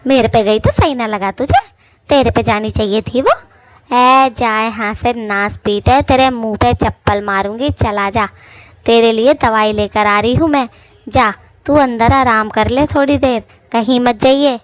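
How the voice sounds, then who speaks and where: Woman voicing a quarrelsome cartoon witch wife, bickering, high-pitched, dry sound. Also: unhurried, no echo, natural voice. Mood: angry nagging. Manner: shrill bickering, insulting. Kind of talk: cartoon voice acting.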